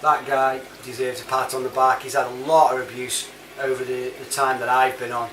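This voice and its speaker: At normal speed and in a level, fairly bright mid-range voice, a British man gives a rambling, matey monologue thick with informal slang. He's an online reviewer and CB chat app user, heard through a distant mic in a roomy setting with clear background noise.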